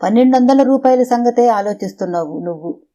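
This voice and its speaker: A woman's voice: a little high, expressive, fairly quick, mellow, dull audio, voice pushed up, lightly acted. A woman reading a lonely, talkative middle-aged father in an audiobook, her voice rising and falling as he rambles in fits and starts. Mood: lonely pleading.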